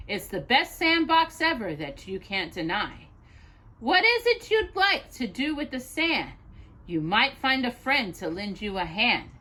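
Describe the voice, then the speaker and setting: As a storytime host, a woman reads rhyming poems for children aloud, her voice a little high and full of expressive sing-song, as though speaking to a child.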